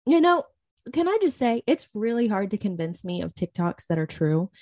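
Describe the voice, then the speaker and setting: A woman's voice: medium pitch, big pitch swings, normal speed, mellow, no room sound. A woman reacting expressively in a casual podcast chat, swearing freely, speaking close to the mic. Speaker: co-host reacting to videos.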